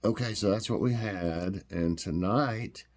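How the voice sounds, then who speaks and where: Hosting a taste test for his vlog, a congested man chats in a rambling, homey way, with plenty of fillers and restarts. His nasal voice is lowish and darkish in tone, and he keeps a measured pace.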